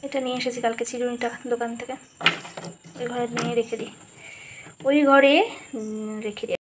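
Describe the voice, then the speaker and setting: A woman's voice: fairly high pitch, steady tone, moderate pace. Chatty young woman with a scratchy throat. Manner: chatty, rambling and self-correcting. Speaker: vlogger. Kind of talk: casual home vlog narration.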